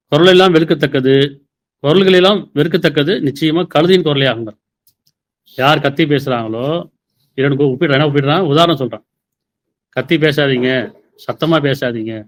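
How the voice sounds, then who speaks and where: A man giving a sermon, explaining scripture verses and asking rhetorical questions. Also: medium pitch. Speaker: preacher.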